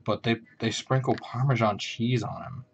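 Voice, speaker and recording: A man's voice: medium pitch, normal speed, gravelly, highs cut off, slight background noise. A man in casual chat on a livestream, teasing and joking with the others.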